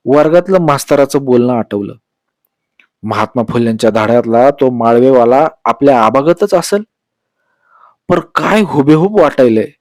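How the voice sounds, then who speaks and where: A man reads a short story aloud in a measured, expressive storyteller's voice, in a rural dialect. His pitch sits in the middle for a man. The recording is dry with no room sound. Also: no room sound.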